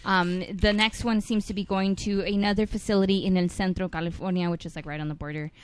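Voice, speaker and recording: A woman's voice: mid-range voice, steady tone, quick pace, smooth. A female talk show co-host presenting and explaining news stories in a conversational way.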